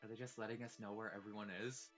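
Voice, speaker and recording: A man reading a visual novel's narration aloud for a let's play, with expressive delivery and casual, swearing asides. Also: lowish voice, fast. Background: faint game music.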